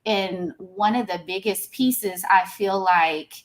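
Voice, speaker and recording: A woman panelist answering a question, measured and thoughtful, with frequent fillers as she thinks aloud. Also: medium pitch.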